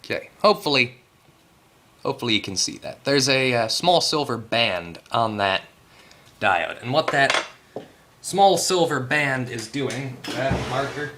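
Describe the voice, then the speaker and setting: He has a medium-pitched, expressive voice and an unhurried pace, recorded against a noisy background. As host of an electronics repair tutorial, he works hands-on and explains casually without a script, thinking aloud and correcting himself as he goes.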